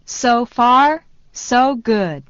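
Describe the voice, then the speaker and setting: A woman slowly and deliberately repeating short phrases for learners in a language lesson. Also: on the high side, lively intonation, a bit bright, no room sound. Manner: very slow, deliberate delivery. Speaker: phrase reader. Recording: dull lo-fi dry sound.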